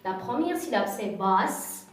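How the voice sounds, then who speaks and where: A woman teacher giving a reading lesson to young children, patiently repeating each syllable slowly and clearly. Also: medium pitch, big pitch swings. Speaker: kindergarten teacher. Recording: echoey room, voice from far off, faint music.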